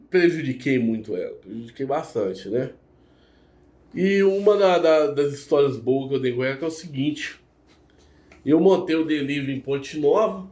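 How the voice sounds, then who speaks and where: A man, a podcast guest, telling a personal story in a halting, emotional way. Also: on the high side, a little mellow. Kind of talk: casual storytelling. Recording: roomy echo.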